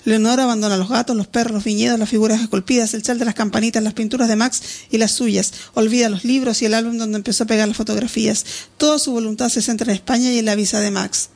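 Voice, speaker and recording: A woman narrating an audiobook in a steady, descriptive reading. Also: a little high, quick pace.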